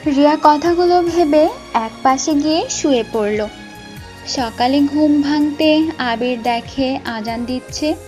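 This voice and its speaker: A woman's voice: sits high, takes it slowly, darkish tone. A woman narrator reading a scripted romantic story with music behind her.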